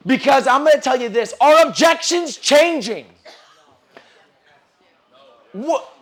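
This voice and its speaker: High-voiced, fired-up male sales speaker. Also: lively intonation, slow pace, fairly bright tone. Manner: high-energy, preachy, calls out to the audience. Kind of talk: motivational seminar speech. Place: seminar hall.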